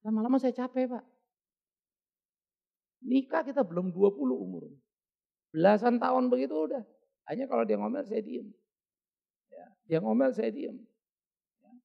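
A woman's voice: a little high, animated, normal speed, gravelly, long pauses, dull audio, exaggerated voice. A man quoting an elderly woman who talks in a plain, chatty way. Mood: recounting. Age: older. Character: calm elderly woman recalling her marriage.

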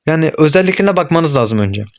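Talking fast with a fairly high pitch and lively intonation, a young man provides live commentary on a football match he is playing for his gaming channel. He speaks to himself, urges on the players on screen, and grows frustrated and worked up, breaking into outbursts.

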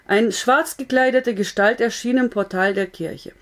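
A woman reading a historical novel aloud in a steady narrating voice, now and then correcting a slipped word. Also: on the high side, unhurried. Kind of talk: audiobook-style story reading.

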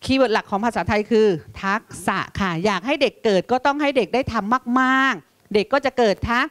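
A woman teacher lectures in a lively, chatty way and keeps tossing questions out to her listeners. Her voice sits a little high for a woman, and the sound is dry and close with little room. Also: fairly quick, no echo. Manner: lively, chatty, asks the audience questions often.

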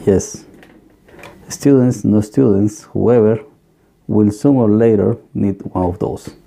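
In an indoor electronics workbench room, a man whose lowish voice is gravelly and dark gives a casual, hands-on equipment walkthrough. He hosts the workshop with halting, plain advice, often restarting and leaning on fillers.

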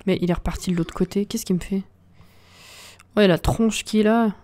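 A woman streamer at home speaks into a desk mic with a mellow, dark tone. She comments casually on her game and grumbles at the characters on screen, sounding fed up. Her pitch sits in the middle range. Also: normal speed. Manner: exasperated, talks to game characters. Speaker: let's play host.

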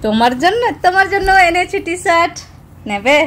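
Young mom vlogger, high pitched and bright, playful and teasing, faint noise behind. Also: female voice, animated, brisk, rough recording. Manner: playful, teasing, talks to children and viewers. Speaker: mother filming her children. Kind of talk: casual family vlog narration.

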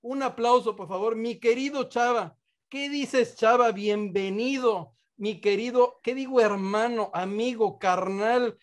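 Playful Mexican game-show host man. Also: sits high. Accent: Mexican Spanish. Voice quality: playful and theatrical, with joking asides.

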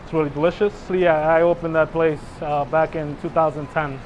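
A man's voice: a little high, level tone, a little fast, darkish tone, highs cut off, a little hiss or hum. A man in his thirties, a chef, talking easily in a restaurant kitchen with many fillers. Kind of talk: casual kitchen talk.

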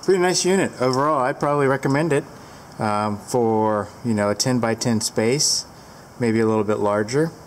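A woman's voice: extremely low pitch, moderate pace, few pauses. A woman giving a casual, rambling product review with fillers, filmed on a handheld camera inside a large barn with the door open to the wind.

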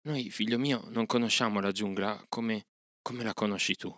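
A gentle village mother, soft and pleading, as a male narrator puts her on, with a low bright voice and tender anxious delivery in a storybook reading. Her words come timid but loving. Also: steady tone, moderate pace, no echo, clean studio sound, natural voice. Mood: worried.

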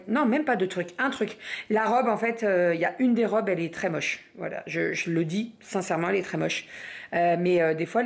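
A young woman vlogging to her followers in a relaxed, chatty way, pausing often with fillers as she talks. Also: fairly low pitch, vocal fry. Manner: chatty, full of hesitations and fillers. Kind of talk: casual chat to camera.

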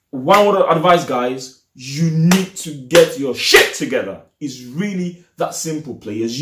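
A high-voiced young man talks straight into a camera set up in front of him, venting after a match. He sounds animated and frustrated, gesturing as he goes. The small room adds a clear echo. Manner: animated, frustrated, gestures a lot while talking. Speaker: football fan vlogger. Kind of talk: casual post-match reaction.

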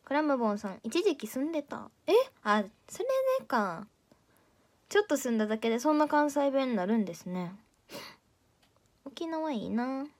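A teenage girl with a Kansai Japanese accent chats casually on a livestream, reading out viewer comments. She teases her viewers playfully in a voice pitched a little above average. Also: lively intonation, normal speed, darkish tone. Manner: playful and teasing, chatty. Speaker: idol audition candidate streaming live.

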